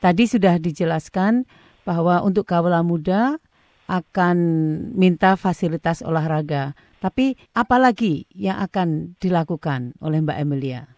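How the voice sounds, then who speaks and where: Lowish-voiced woman interviewer. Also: normal speed, a little mellow, no room sound, dull audio. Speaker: radio interviewer. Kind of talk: conversational interview questioning.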